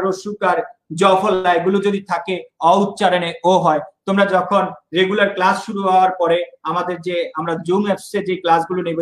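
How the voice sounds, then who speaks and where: A man's voice: high-pitched, fairly bright tone, roomy sound, poor audio. A young man from Bangladesh, teaching an online exam-prep lesson and repeating key points.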